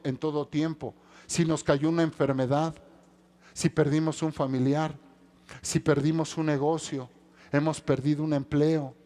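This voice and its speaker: A male pastor, preaching a sermon that swings from soft, low passages to loud, high-pitched calls.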